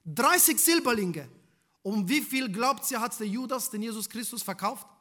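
A male preacher delivering a sermon in a high, bright voice. He presses his points with rhetorical questions to the congregation, his delivery swinging between loud emphasis and hushed lines. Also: expressive, normal speed.

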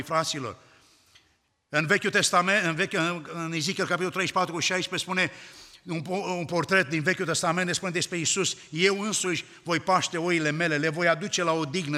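A man preaching a fervent sermon in church, often rising to loud declamation. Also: high-pitched, in a large hall.

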